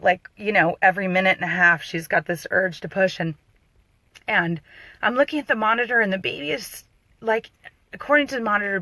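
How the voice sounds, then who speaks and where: A woman's voice: mid-range voice, bright, forceful tone, no room sound, low-quality recording. Emotional woman retelling a hard birth. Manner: halting, with frequent restarts and "like". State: emotional, close to tears. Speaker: doula. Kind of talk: emotional personal storytelling.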